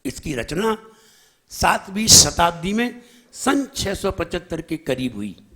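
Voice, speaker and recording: A man's voice: high voice, very animated, slow pace, bright, forceful tone. A man, a Jain monk, preaching a sermon in a teacherly way, correcting pronunciation and asking rhetorical questions.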